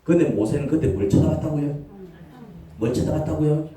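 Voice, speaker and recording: A male pastor, preaching with big swings from loud cries to near whispers. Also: fairly high pitch, a little fast, very echoey, distant mic. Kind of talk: sermon. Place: church sanctuary.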